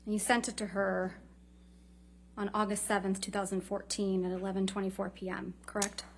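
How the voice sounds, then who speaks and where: A woman's voice: mid-range voice, level tone, fairly quick, a little hiss or hum. Casting: female courtroom lawyer, cross examination style, pointed and clipped, leading questions.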